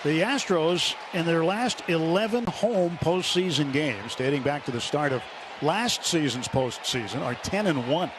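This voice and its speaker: This is a man doing radio play-by-play for a live baseball game, his voice somewhat high, animated, and a little slow. Behind him the stadium crowd is loud, with plenty of ambience.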